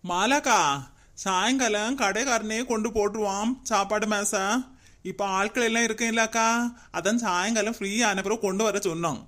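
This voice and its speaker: A man's voice: high voice, fairly even intonation, normal speed, pushed and bright. A man voicing a chatty, teasing female relative in a cartoon, needling the others as he talks. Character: chatty female relative Chittu, sharp-tongued teaser.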